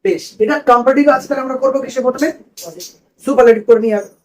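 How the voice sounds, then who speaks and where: A man's voice: very high-pitched, very fast, darkish tone, rough recording. A man teaching a grammar lesson to a class in a classroom, asking questions and repeating the students' answers.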